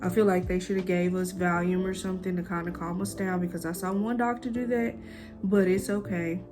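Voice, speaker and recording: A woman's voice: on the low side, steady tone, brisk, over music. A young woman chatting informally in a casual vlog, talking straight to her viewers as the host. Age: young adult. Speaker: vlogger. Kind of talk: casual vlog chat to camera.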